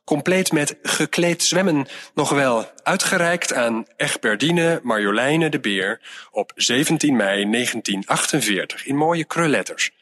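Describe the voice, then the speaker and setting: A man reading a storybook aloud and voicing a quietly stubborn teenage girl who answers in a dry, understated way. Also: medium pitch, expressive, measured pace, no room sound, voice pushed up.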